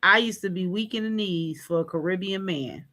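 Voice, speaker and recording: A woman's voice: lowish voice, normal speed, pushed and bright. A woman co-hosting a casual talk show, teasing and sassy in her chat.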